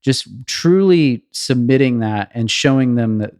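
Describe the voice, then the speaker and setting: A man in his thirties co-hosting a casual podcast, reflective and earnest, often circling back and restarting his thoughts. His voice sits at an ordinary middle pitch. The sound is dry and close, with no room around it. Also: expressive, a little slow, a little mellow, no room sound. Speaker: podcast co-host.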